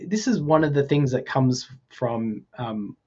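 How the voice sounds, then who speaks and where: Podcast guest, man, 40, from Australia; average pitch, slightly muffled recording, measured and hesitant. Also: expressive, dark tone, slightly rough. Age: 40s. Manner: thoughtful, hesitant with ums and restarts. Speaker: guest, VFX artist. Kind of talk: casual podcast conversation.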